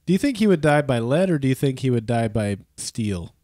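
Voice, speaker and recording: Here a podcast host in his thirties, stuffed up and nasal from a head cold, chats casually at a slightly fast clip with big pitch swings. His tone is mellow and medium-pitched. Rambling and self-correcting, he keeps restarting and chuckling, all captured as clean studio sound without room sound.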